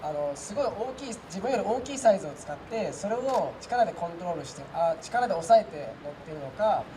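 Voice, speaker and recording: A man working as event MC, addressing a crowd in a lively, animated way. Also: high-pitched, rapid-fire. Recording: loud crowd and outdoor noise.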